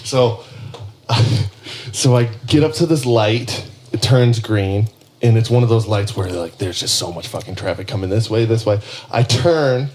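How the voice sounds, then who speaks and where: A man's voice: fairly low pitch, unhurried, darkish tone, a little hiss or hum. Laughing, profane young man telling a story. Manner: laughing storyteller, swears freely. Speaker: podcast host. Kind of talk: casual chat.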